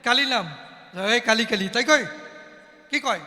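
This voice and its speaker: A man's voice: extremely high pitch, a little slow, bright, forceful tone, big-room sound. A man from West Bengal performing kobi gaan, chanting and calling out to the audience in a sing-song, declaiming way. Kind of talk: sung and declaimed folk debate poetry.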